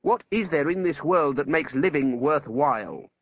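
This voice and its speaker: A man's voice: on the high side, animated, normal speed, dull audio. A man voicing Ipslaw, a bitter, obsessive exiled wizard father, impassioned and indignant, for an audiobook. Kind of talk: audiobook character voice.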